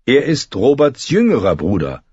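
A grave young lord, stubborn and grim, carried through in a husky register as a man reads him aloud. His pitch moves in lively swings, and the sound is dry and a little dull, like an audiobook. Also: normal speed, no room sound. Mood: grim, firm. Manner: firm, grim.

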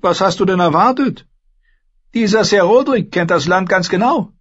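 A man reading an audiobook, voicing a sharp-tongued, mocking young noblewoman who lectures her brother. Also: sits high, moderate pace, muffled recording, voice pushed up. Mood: scornful. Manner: scornful, lecturing, needling. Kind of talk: audiobook character voice.

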